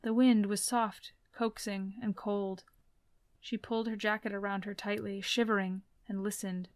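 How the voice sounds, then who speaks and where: A woman giving soft, gentle, unhurried storybook narration. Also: medium pitch, little pitch movement, no echo.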